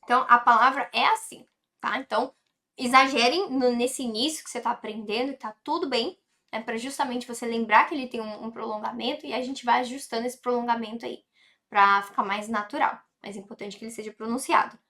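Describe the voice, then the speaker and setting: A woman with a Brazilian Portuguese accent teaching a Japanese lesson, chatty, with many tag questions, slowly repeating phrases for drilling. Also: a little high. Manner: frequent tag questions, animated emphasis. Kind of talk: online language lesson.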